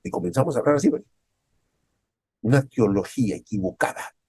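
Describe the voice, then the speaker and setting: A male pastor with a Peruvian Spanish accent, speaking at a middle pitch and preaching in lively bursts. He keeps turning to the listeners with rhetorical questions and acts out the people he quotes in a raised voice. The recording sounds dry and close. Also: brisk, slightly rough, no room sound. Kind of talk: sermon.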